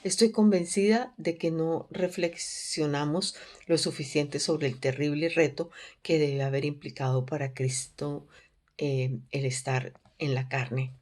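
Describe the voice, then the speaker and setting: Woman, deep low voice, Bible study teacher, earnest, measured, asks the class questions. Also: fairly even intonation, darkish tone.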